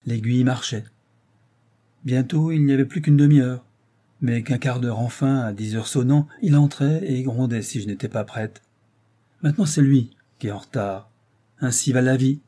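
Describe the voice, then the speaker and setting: A man narrating a story in a calm, measured reading. His voice is dark and mellow with a light husky grain, at an ordinary male pitch. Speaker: audiobook reader.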